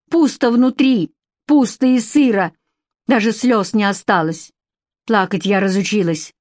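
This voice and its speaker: A woman's voice: mid-range voice, no echo, studio quality, natural voice. A woman reading a bitter, wounded TV presenter. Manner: accusing, bitter, reproachful. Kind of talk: audiobook character reading.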